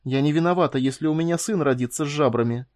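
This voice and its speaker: A man's voice: on the high side, fast talker, a little mellow, no room sound, studio quality, voice pushed up, natural voice. A man reading an audiobook, voicing a frightened, emotional young woman who pleads and cries out. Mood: pleading.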